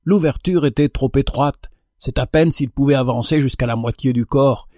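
A man narrating a fable in an expressive, measured reading. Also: medium pitch, no echo, studio quality. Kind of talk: storybook narration.

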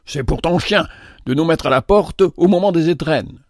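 A man voicing a calm, sly male bookkeeper who speaks in an even, composed tone. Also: on the high side, moderate pace, no room sound, studio quality, voice pushed up, close to an everyday voice. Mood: reasoning.

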